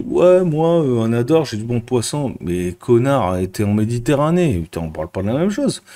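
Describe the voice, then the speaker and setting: A man's voice: medium pitch, a little mellow. A man ranting casually to camera as a vlogger, crude and exasperated, with constant fillers. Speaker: YouTuber and business coach.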